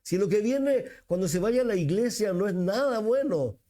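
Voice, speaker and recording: High-voiced Chilean pastor preaching. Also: male voice, lively intonation, moderate pace, dark tone. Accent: Chilean Spanish. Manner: repeats himself for emphasis, asks the congregation questions; rises in pitch when quoting scripture. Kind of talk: sermon.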